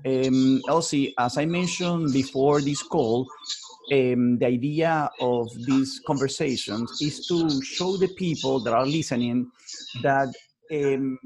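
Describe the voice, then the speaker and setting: Male host of an online interview, mid-range voice, warm but halting, lots of repeated words. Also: mid-range voice.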